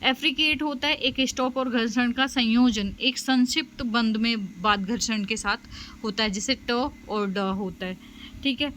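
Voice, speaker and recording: A woman's voice: on the high side, fairly even intonation, unhurried, fairly bright tone, slight background noise, low-quality recording. A woman teaching a special education lecture and explaining slides, with lots of fillers and "okay?" checks. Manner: explanatory, frequent fillers and "theek hai" checks. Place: home.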